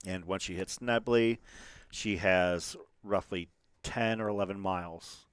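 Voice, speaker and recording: A man's voice: low voice, steady tone, a little slow, smooth, dry recording, clean studio sound. A man doing casual live commentary on a race stream, chatty and rambling, with lots of fillers and restarts.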